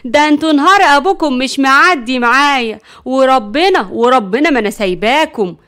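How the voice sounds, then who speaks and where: A woman with an Egyptian accent voicing a bossy, hot-tempered grandmother who scolds loudly. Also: on the high side, fairly quick, natural voice. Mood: scolding. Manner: scolding, loud and exasperated.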